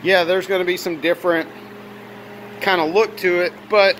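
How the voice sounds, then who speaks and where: High, bright-voiced man talking over a fan. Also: moderate pace, low-quality recording. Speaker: auto detailer presenting own work. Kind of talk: casual narrated walkaround vlog. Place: garage workshop, indoors. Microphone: handheld phone camera, operator behind it. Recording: steady fan noise in workshop. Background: running fan.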